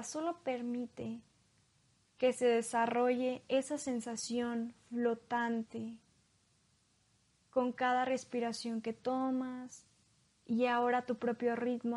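A woman leading a guided hypnosis in a slow, soothing hypnotist voice, leaving long pauses between phrases. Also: a little high, a little mellow.

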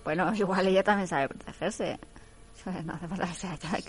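A woman's voice: on the low side, fairly even intonation, normal speed, faint music behind. A woman giving casual, teasing running commentary on a TV episode. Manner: chatty, teasing, laughs often.

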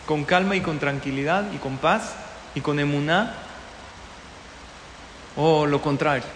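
A man giving a storytelling sermon, an animated teacher who keeps asking his listeners questions. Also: fairly high pitch, unhurried, slight background noise. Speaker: religious teacher. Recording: echoey hall with long reverb.

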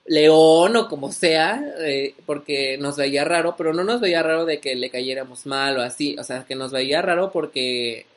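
A man's voice: medium pitch, normal speed, hardly any pauses, fairly bright tone. A young man with a Mexican accent casually telling a story as a vlogger, rambling with many fillers and asides.

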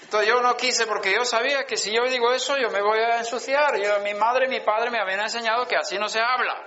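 A man, preaching a personal testimony in slow storytelling with emphatic pauses. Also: sits high, pushed and bright, a little hiss or hum. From Sweden. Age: 60s. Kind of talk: sermon testimony. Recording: dull lo-fi conference recording.

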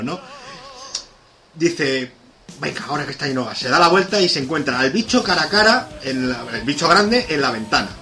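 A man, chatting casually on a podcast and acting out film scenes with quoted voices. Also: on the high side. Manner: animated, acts out scenes with quoted voices and laughs.

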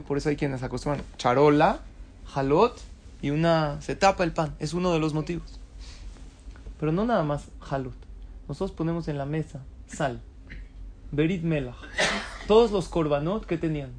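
A man's voice: fairly high pitch, slight background noise. A man giving a Torah lecture, throwing rhetorical questions at his audience and answering them himself. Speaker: rabbi lecturer.

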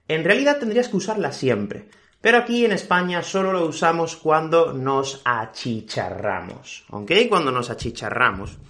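Spanish-accented male teacher for a learner podcast: animated intonation, patient, repeats words, keeps asking "ok?". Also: on the high side. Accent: Spanish, Spain. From Spain. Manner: repeats key words slowly and checks with "¿ok?".

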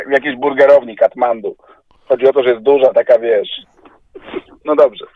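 A man co-hosting a podcast, chatting casually and mostly chiming in with short lively agreements. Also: medium pitch, normal speed, dry recording, narrow, tinny audio. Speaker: podcast co-host. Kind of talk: casual chat.

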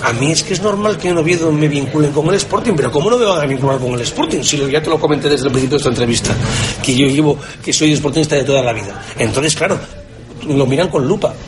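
Fast-talking Spanish man being interviewed. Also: fairly high pitch, crowd noise. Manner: emphatic, colloquial, rhetorical questions. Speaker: sports journalist being interviewed. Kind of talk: candid conversational interview.

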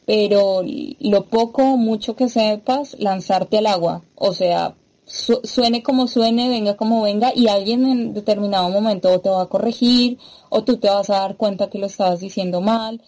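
During an interview, a Latin American woman appearing as a guest lays out her ideas thoughtfully, with small fillers. Her voice is mid-range and darkish at a normal speed, and the recording is rough.

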